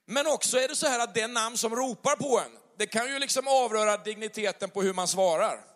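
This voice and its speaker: A man preaching a conversational sermon, chatty and full of acted-out little dialogues. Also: high voice. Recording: long hall reverb.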